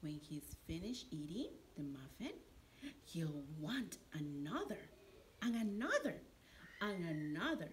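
Slow, animated woman reading to children. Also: lowish voice. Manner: deliberate, expressive storytelling for young children. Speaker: preschool teacher reading aloud. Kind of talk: children's picture-book read-aloud. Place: indoor classroom. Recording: noticeable steady room background noise.

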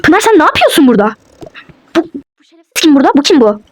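A distraught young husband, as a woman acts him out in a toy role-play, pleading in a high voice. He fires questions in quick succession and cannot believe what he sees. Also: very animated, slight background noise. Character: upset young husband, frantic and accusing.

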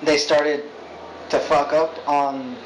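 A man's voice: fairly high pitch, flat delivery, takes it slowly, a little hiss or hum, rough recording. A young man chatting casually about a movie, rambling, swearing and stumbling over his words. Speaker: co-host. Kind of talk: casual movie review chat.

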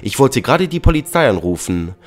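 A man voicing a kind, startled mother in a storybook narration, talking earnestly and quickly. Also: mid-range voice, sing-song, faint music behind, lightly acted. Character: startled kind mother, middle-aged woman.

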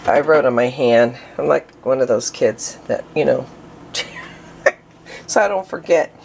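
A low-pitched woman talks slowly through a casual cooking demonstration in her home kitchen. She rambles, restarts her sentences and fills gaps with "um", a little out of breath. Faint clatter of pots and dishes sits behind her. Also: expressive, creaky, a little mellow, a little hiss or hum. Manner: rambling, chatty, many fillers and restarts. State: breathing hard.

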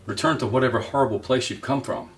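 A man doing a squeaky, timid weasel. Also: quick pace, recorded from a distance, close to an everyday voice. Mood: frightened. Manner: high and squeaking.

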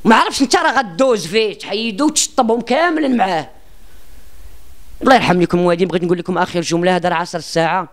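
Moroccan guy bragging about his singing, super high voice, talks fast and keeps restarting. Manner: boastful and rambling, with frequent restarts. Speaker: self-described singer being interviewed. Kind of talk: casual interview talk.

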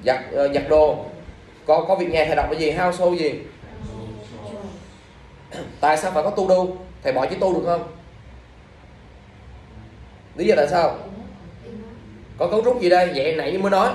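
A man's voice: on the high side, moderate pace, pauses often, a little mellow, slight background noise. A male teacher, reviewing exam questions in class and quizzing students with repeated questions. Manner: scolding, drilling questions at students. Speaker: English teacher. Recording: echoey room from far off.

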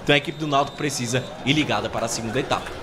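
A man's voice: medium pitch, rapid-fire, background noise. A Brazilian man giving wordy, explanatory live analysis of a football match. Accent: Brazilian Portuguese.

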